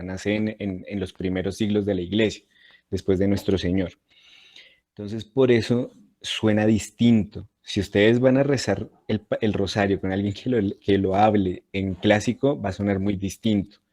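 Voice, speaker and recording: A man's voice: on the low side, dark tone. A man teaching an online Latin class, explaining patiently and checking in with his students.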